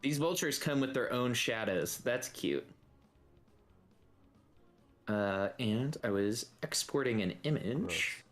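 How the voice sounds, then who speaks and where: A man running a tabletop game as dungeon master, describing rooms in a relaxed way with many fillers. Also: medium pitch, takes it slowly, long pauses, faint music behind.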